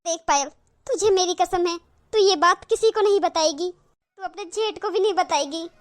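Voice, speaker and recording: Soft, high-pitched, sorrowful elder daughter-in-law. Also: female voice, normal speed. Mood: imploring. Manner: soft, subdued, imploring. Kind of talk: cartoon voice acting.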